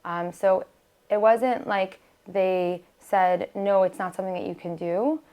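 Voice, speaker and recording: Speaking in a mellow, clean mid-range voice at a measured pace, she keeps a steady tone. This American podcast guest, originally a Hebrew speaker, chats casually, filling her talk with fillers and restarts.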